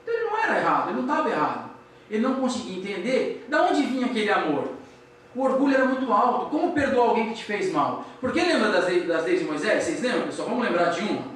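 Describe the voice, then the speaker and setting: High-voiced man lecturing in echoey hall. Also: quick pace. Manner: animated, acts out dialogue, asks the audience questions. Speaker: speaker at a Spiritist public lecture. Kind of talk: storytelling lecture. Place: large hall with audience. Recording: distant mic, very echoey hall, faint hiss.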